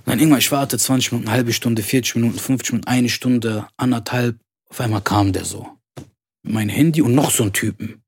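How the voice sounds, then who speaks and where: Breathy young man telling a story. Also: medium pitch, fast, dry recording. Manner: animated, acts out interrogators' lines, says Bruder. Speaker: podcast guest telling his story. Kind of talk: casual storytelling.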